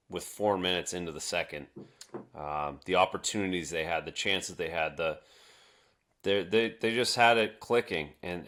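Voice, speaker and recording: A man co-hosting a sports podcast, analyzing calmly and stumbling over repeated words. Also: low voice. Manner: measured, repeats words while building a point. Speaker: podcast co-host. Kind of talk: casual sports talk.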